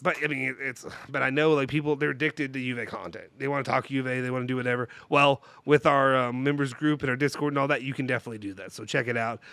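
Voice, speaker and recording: A man's voice: mid-range voice, steady tone, fast, hardly any pauses, fairly bright tone, smooth, dry recording. A man with a nasal, blocked-nose voice hosting a channel in casual, jokey, rambling live-stream chat. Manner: jokey, rambling, self-deprecating. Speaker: YouTube channel host.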